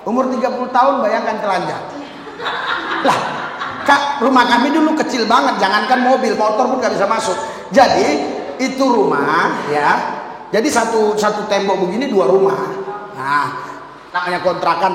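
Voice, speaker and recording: A man preaching a sermon as pastor, telling a lively story with acted quotes and bursts of laughter. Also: high voice. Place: church hall with a live congregation. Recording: echoey hall, faint background noise.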